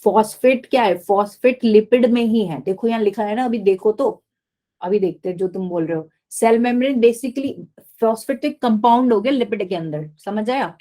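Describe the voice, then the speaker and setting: A woman's voice: on the high side, moderate pace, warm tone. A woman teaching biology in a live online class, explaining step by step and often asking the class questions.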